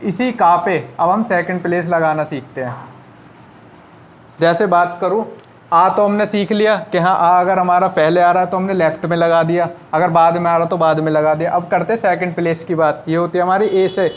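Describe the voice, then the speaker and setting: A man's voice: sits high, fairly even intonation, normal speed. A man teaching a shorthand lesson, patiently repeating each rule step by step. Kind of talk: classroom lesson explaining at a board. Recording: slightly dull lo-fi recording with faint noise.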